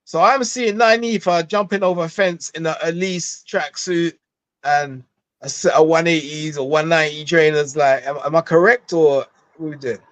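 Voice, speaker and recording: Casting: male London roadman co-host, high voice, slangy banter, quick to interject. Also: steady tone, no echo. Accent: London, street slang. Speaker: co-host prompting the storyteller. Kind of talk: casual banter.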